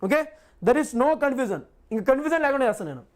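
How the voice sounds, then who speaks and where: A man's voice: extremely high pitch, big pitch swings, fast. A male physics teacher in a live online class who reassures his students, repeats every point and asks and answers his own questions.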